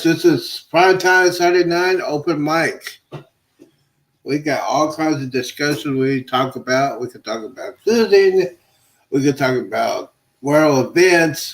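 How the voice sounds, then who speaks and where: A man hosting an open-mic livestream in a loose, chatty way, repeating himself, his voice going hoarse. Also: medium pitch. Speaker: livestream host. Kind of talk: casual livestream chat.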